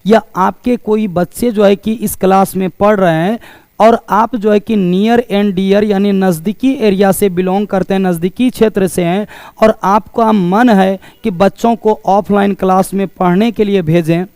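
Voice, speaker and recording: A man giving a promotional pitch for coaching classes as a teacher, explaining things repetitively. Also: steady tone, a little slow, darkish tone, clear, resonant tone, no echo. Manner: explanatory, repetitive, asks questions and answers them himself.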